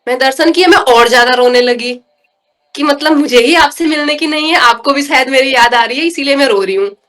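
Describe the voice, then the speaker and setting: Brief: woman guest, high voice, earnest and emotional storyteller. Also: fairly quick, fairly bright tone. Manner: earnest, emotional storytelling, often addressing the host as brother. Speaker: podcast guest. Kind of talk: recounting a personal devotional experience.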